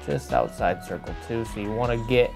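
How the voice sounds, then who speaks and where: A man's voice: lowish voice, a little fast, creaky, darkish tone, faint music behind. A man giving casual color commentary as a disc golf co-commentator.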